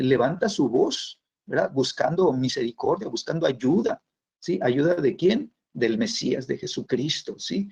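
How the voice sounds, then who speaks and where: A man preaching a sermon in a halting way, full of fillers and tag questions. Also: medium pitch, creaky, a little mellow, slightly rough. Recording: dull lo-fi sound.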